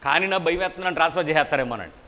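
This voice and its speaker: A nervous, timid male pastor, put on by a preacher, pleading in a quieter, lower voice and hurrying through his words. His voice rings out with a long hall echo. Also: rapid-fire. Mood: anxious pleading. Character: timid anxious male pastor afraid of transfer.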